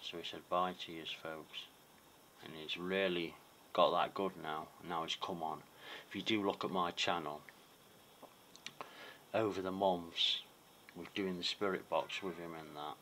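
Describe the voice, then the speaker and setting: A man with a low, steady, pushed and bright voice chats unhurriedly to viewers as a paranormal vlogger. He sounds hesitant, murmuring and repeating himself, on a noisy home recording in a small room.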